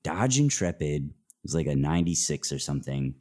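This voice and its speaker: A man's voice: a bass voice, a little fast. A young man telling a story casually, acting out what people said and swearing often. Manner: animated, swears a lot, acts out quotes. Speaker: podcast guest.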